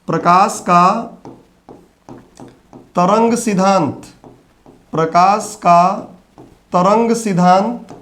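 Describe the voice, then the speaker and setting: A man teaching an exam-prep physics lecture, patiently repeating key terms and answering his own questions. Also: high-pitched.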